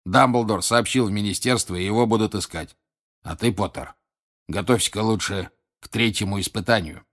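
Guy doing a creaky grumpy old wizard teacher, low and gravelly, audiobook voice. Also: normal speed, a bit bright, lightly acted. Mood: gruff. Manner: curt, grumbling. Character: gruff scarred old male wizard teacher. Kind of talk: audiobook character voice.

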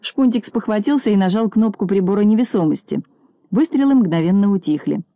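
A woman narrating a children's storybook in a lively, expressive reading style. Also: mid-range voice, a little fast, dry recording.

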